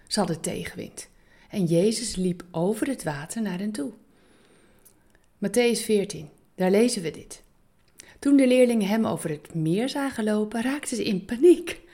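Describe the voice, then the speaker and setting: A woman of middle pitch speaks in an earnest, encouraging devotional talk. She turns questions to the listener and urges them on. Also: mellow.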